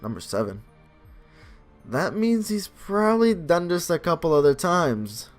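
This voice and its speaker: Over faint game music, a young adult gaming video host rambles casually through his let's play with self-deprecating humor. His voice is slightly high and sing-song, moving at a measured pace.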